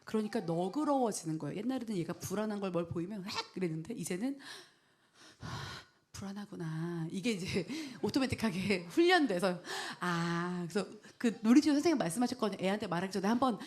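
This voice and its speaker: A woman's voice: medium pitch, quick pace, hardly any pauses. Earnest Korean woman pastor giving testimony. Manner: earnest, lively storytelling with whispered prayers. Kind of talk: testimony sermon.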